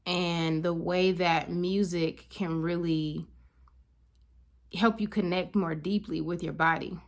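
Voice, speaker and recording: Reflective woman therapist, lowish voice. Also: fairly bright tone. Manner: thoughtful, unhurried, searching for words with small restarts. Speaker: licensed therapist and wellness coach, channel host. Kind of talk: reflective personal talk to camera.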